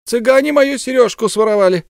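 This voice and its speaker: A man reading an audiobook, voicing a shrill, hysterical female bird who screeches in outrage. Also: a little fast, creaky, no room sound, studio quality. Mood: shrieking outrage. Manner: screeching, indignant.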